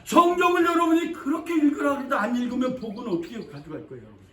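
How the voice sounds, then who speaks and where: A male pastor preaching a sermon in an emphatic, repetitive way, with sudden swings between loud and quiet. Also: very high-pitched, fast. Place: church sanctuary. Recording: echoey church from a distance.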